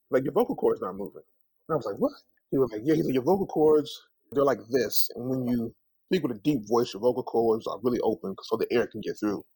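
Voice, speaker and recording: In a dry recording, a man speaks at medium pitch with a breathy edge. He's being interviewed as a singer and tells casual, animated stories, reenacting the dialogue and scattering "you know" and "man" throughout.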